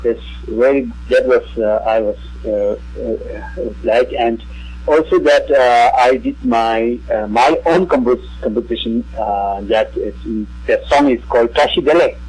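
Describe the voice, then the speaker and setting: A man with a Tibetan accent, speaking halting, broken English as a musician guest in a radio interview. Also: medium pitch, darkish tone, slightly rough, poor audio.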